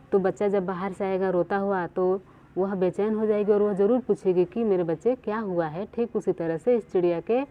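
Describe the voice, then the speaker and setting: A woman teacher reads a Hindi lesson aloud and then explains each line again in simpler words. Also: fairly low pitch. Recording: tinny phone-like recording.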